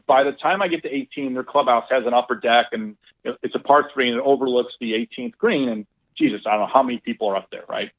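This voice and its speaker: A middle-aged man, a golf club owner, telling a lively casual story and acting out quoted dialogue, with some swearing. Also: medium pitch, gravelly. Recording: tinny phone-like line.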